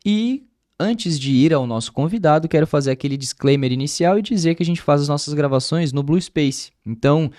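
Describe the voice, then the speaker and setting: A man with a Brazilian Portuguese accent hosting a podcast in a studio, chatting in long, relaxed, winding sentences. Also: a little high, a little fast, no echo. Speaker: podcast host. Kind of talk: casual interview chat.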